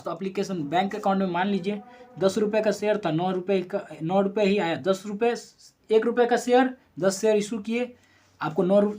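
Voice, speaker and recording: A commerce teacher giving a recorded lesson who explains step by step with worked number examples. The teacher talks straight to the students, asking and then answering their own questions and correcting themselves mid-sentence. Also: medium pitch.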